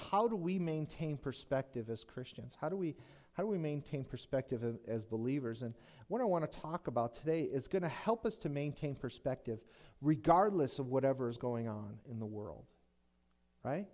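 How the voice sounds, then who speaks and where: A man's voice: medium pitch, a little mellow. A middle-aged man preaching a sermon as pastor, speaking in a folksy, conversational way that often restarts mid-sentence.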